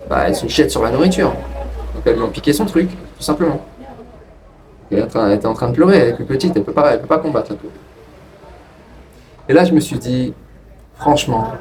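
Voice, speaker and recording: A man casually telling a personal story to his viewers in a rambling way, with frequent restarts. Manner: rambling, restarts, lively pitch jumps. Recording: distant from the mic with faint ambient noise.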